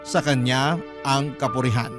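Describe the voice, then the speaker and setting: A man with a Filipino accent, working as a radio host, reads a letter aloud in a dramatic storytelling style, his mid-range voice steady and moderately paced. Instrumental music plays as a bed behind his narration.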